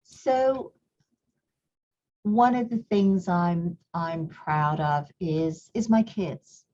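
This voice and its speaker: A middle-aged woman raised in Kenya, with a slight English accent, speaks very slowly as an interview guest, earnest and reflective, repeating words as she thinks. Her voice is on the low side and mellow, and the audio is dull.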